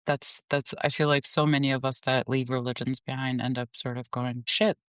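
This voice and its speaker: A woman guest who grew up in the Gulf, Pakistan and the US, talking candidly and reflectively in an interview, laughing softly between thoughts. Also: extremely low pitch, level tone, clear, resonant tone, no echo. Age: adult. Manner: reflective, unhurried, laughs softly mid-sentence.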